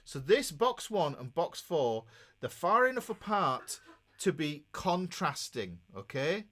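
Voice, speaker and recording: A guitar teacher gives an informal lesson, chatting conversationally and often checking in with the listener while he demonstrates. His voice is a little high, a bit bright and sing-song, and he takes it slowly.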